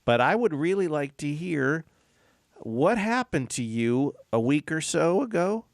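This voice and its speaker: A man's voice: a little high, big pitch swings, unhurried, creaky, no echo, studio quality. A man hosting a chatty, informal interview, talking familiarly to his guest. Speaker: interview host. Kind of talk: casual chatty radio interview.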